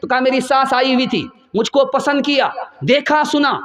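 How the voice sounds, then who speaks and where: A male preacher voicing an eager young bride who talks quickly and excitedly about her wedding. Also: extremely high pitch, in a large hall, voice pushed up.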